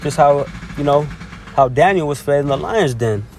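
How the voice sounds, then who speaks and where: A man giving a casual scripture teaching as a lay preacher. He peppers his talk with "man" and "hey", stumbles and restarts often, and reads verses slowly and haltingly. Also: a little high, expressive, a little mellow, a little hiss or hum.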